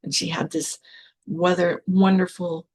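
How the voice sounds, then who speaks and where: A woman's voice: fairly low pitch, little pitch movement, unhurried. An older woman hosting a spiritual podcast, telling her own story in a frank, blunt way with some swearing. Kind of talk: candid personal storytelling.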